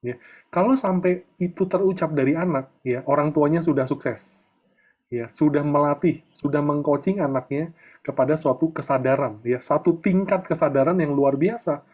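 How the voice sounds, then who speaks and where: A middle-aged man coaching a group in a relaxed, chatty way, often tagging his sentences with little fillers. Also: a little high, normal speed, breathy edge. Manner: chatty, peppers talk with filler tags. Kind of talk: casual online coaching talk.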